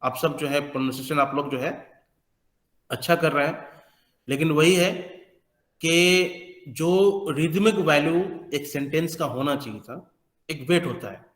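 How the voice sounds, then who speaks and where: A man teaching English pronunciation as a lecture, explaining in Hindi, mixing in English phrases and modeling words by repeating them slowly. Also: on the high side, a bit bright. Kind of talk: lecture to students. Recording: echoey hall with long reverb.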